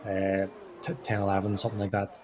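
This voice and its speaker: A man's voice: lowish voice, completely flat delivery, fast, background noise. A man co-commentating a sim race, chatty and rambling through anecdotes with lots of fillers.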